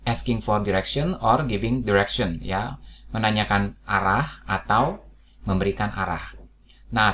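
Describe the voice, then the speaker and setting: A man gives a casual video lesson in a chatty, unhurried way. He drops "eh" and "ya" fillers constantly and lifts his pitch sharply for example phrases. Faint room ambience sits behind his voice. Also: fairly bright tone, slight background noise. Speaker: English teacher.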